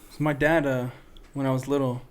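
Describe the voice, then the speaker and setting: A man's voice: medium pitch, level tone, brisk, smooth. A man telling a childhood story in a casual podcast chat, loose and swearing, full of "like.". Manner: loose, swearing, lots of likes.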